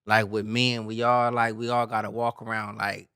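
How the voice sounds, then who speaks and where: Slangy podcast co-host, bright low voice. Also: male voice, level tone, normal speed, clear, resonant tone, no echo, studio quality. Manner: slangy, keeps saying "you know what I'm saying". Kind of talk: casual podcast chat.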